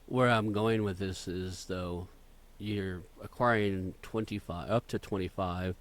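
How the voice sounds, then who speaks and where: A low-pitched man in his fifties hosts a podcast interview. He feels his way through his questions, stopping and restarting as he goes. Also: steady tone, measured pace. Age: 50s. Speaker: podcast host.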